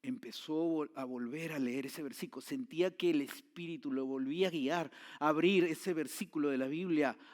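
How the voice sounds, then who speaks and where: A man preaching a sermon, telling a story with swings from hushed tones to loud pleading. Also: fairly high pitch, moderate pace, hardly any pauses. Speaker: pastor.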